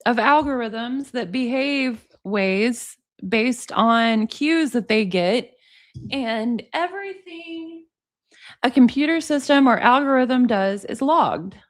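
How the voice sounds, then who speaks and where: A woman in her forties streaming and reacting to a video, making deadpan, mocking remarks. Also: on the high side. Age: 40s. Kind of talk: sarcastic live commentary.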